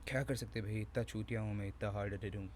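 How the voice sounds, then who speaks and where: A man's voice: lowish voice, fairly even intonation, fast, a little mellow, slight background noise. Rambling, joking young man. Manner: rambling, self-mocking, slangy and crude. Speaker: vlogger. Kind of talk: casual joking chat to camera. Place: at home.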